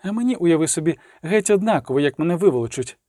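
A man's voice: a little high, expressive, fast talker, mellow, no room sound, clean studio sound, close to an everyday voice. A man reading aloud and voicing a playful, sensual sorceress woman in a purring tone. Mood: teasing.

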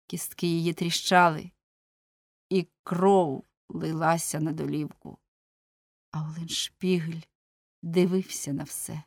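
A woman narrating a novel in a grave, measured audiobook reading. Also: low voice, steady tone, creaky, no echo.

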